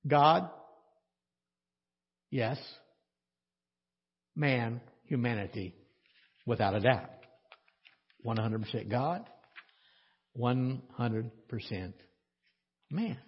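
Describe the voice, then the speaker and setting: Husky-voiced man preaching in a church. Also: mid-range voice, expressive, very slow, long pauses. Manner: conversational, asks the congregation questions, dry sarcasm. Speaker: pastor. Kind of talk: sermon. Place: church sanctuary. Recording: dull audio with long church reverb.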